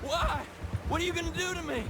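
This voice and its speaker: Very high-pitched, terrified young captive. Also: male voice, fairly quick, noisy background. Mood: frightened. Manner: whimpering, stammering, panicky. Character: terrified, pleading young male captive in the Old West. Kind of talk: video game western acting. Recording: loud music over the voice.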